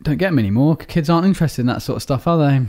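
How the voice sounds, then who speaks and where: A man's voice: fairly high pitch, expressive, rapid-fire, darkish tone. A man co-hosting a podcast in casual chat, dry, wry and rambling. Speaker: podcast co-host.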